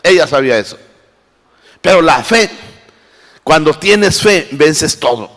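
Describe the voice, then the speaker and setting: Male pastor, fairly high voice, dynamic sermon delivery on a mic in a reverberant church. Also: lively intonation, a little slow. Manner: preaching with wide swings between loud and hushed. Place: church hall. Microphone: handheld microphone. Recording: live church recording with long reverb.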